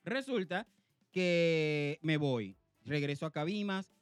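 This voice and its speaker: Venezuelan man, podcast co-host, lively storyteller, slightly high voice, dry close mic with faint music underneath. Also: slow, clean tone, dry recording. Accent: Venezuelan Spanish, Zulia. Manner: animated storyteller, laughs often, acts out quoted voices. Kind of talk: casual storytelling chat.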